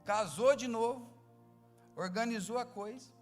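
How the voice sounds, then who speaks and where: A male pastor preaches with a high, bright voice and tells stories from the pulpit. He builds to loud, repeated declarations, then drops to soft asides. Faint music plays beneath him. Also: measured pace, in a large hall. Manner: emphatic storytelling, swings from loud to hushed. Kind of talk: sermon.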